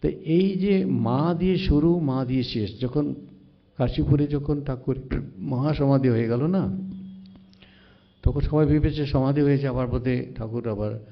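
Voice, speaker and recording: Monk, measured sermon. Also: male voice, mid-range voice. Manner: measured, recites verses slowly and retells sacred stories. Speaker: monk giving a spiritual discourse. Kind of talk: devotional sermon. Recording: slightly dull lo-fi recording.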